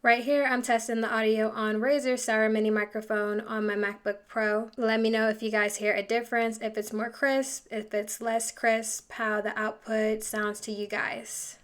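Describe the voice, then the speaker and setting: A woman's voice: a little high, level tone, normal speed, hardly any pauses. A woman giving a casual product review in a plain, matter-of-fact way, with a dry close sound on a desktop microphone. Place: indoors at a desk. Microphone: desktop USB condenser microphone.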